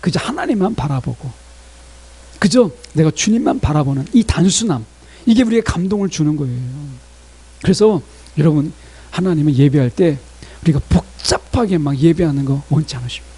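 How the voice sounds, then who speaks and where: A man preaching a sermon as pastor, talking straight to his congregation in an animated way. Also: fairly high pitch, fairly quick, slightly rough.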